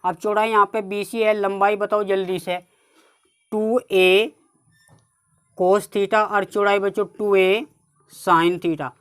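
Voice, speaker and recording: A woman's voice: medium pitch, fairly even intonation, clear, resonant tone. A woman with a North Indian accent teaching a maths lesson step by step, often addressing her students as children. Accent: Hindi-speaking North Indian. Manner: keeps addressing the class as "children", repeats steps slowly.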